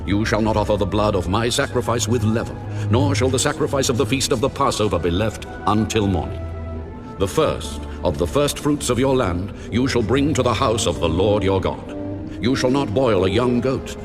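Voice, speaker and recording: Man voicing God, deep and commanding. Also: animated, normal speed, music in the background, close to an everyday voice. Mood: stern, commanding. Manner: solemn, declamatory, authoritative. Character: God, solemn and commanding divine lawgiver. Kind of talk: dramatized audio Bible acting.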